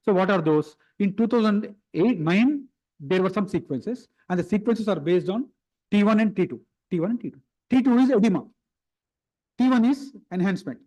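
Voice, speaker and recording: A man's voice: high-pitched, warm tone, rough recording. A man giving a conference lecture at a medical symposium, explaining step by step, repeating key phrases and often restarting.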